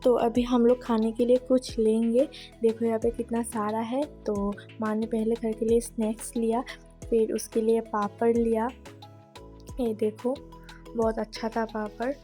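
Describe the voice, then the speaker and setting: A woman narrates her day in a relaxed, chatty vlog, joining each thought to the next with "so". Her voice sits a little high, and music plays clearly behind her. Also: measured pace. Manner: chatty, strings sentences with "so". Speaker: vlogger.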